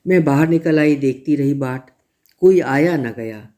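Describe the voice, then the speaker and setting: Man, story narrator, measured first-person reading, fairly high voice, mellow tone.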